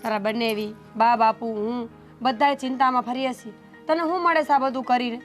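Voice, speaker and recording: A woman playing a scolding, fast-talking elder sister. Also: fairly high pitch, fairly even intonation, soft background music, close to an everyday voice. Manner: scolding, reproachful. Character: exasperated elder sister scolding the younger one. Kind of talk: family drama acting.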